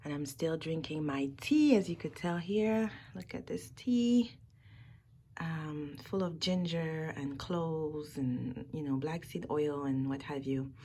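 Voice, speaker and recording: A woman's voice: low voice, measured pace, hardly any pauses, warm tone, a little hiss or hum. A woman teaching Quran classes and chatting through a casual vlog, a little congested, laughing easily and sometimes dropping to a near whisper.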